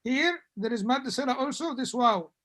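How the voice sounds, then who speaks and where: A woman's voice: high-pitched, animated, takes it slowly, a bit bright. A woman teaching Quran recitation in an online class, patiently repeating words for her students over a video call.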